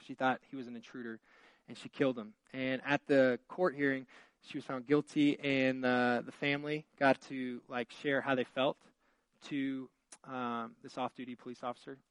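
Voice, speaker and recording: A man's voice: medium pitch, flat delivery, moderate pace, clean tone, no echo. A man, a pastor preaching a conversational sermon, full of fillers and restarts, building to fervent emphasis. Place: church.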